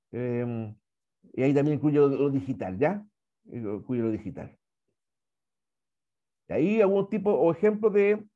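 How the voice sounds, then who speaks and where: A man's voice: on the high side, warm tone, lo-fi sound. A Chilean man teaching an online language class, chatty and repetitive, often checking in with "¿ya?". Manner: chatty, repeats words, asks "¿ya?" often.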